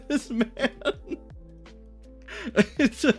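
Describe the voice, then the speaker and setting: A man's voice: very high-pitched, drawn-out words, slightly rough, faint music behind. A man hosting a livestream, chatting casually and rambling as he reads chat aloud. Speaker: livestream host.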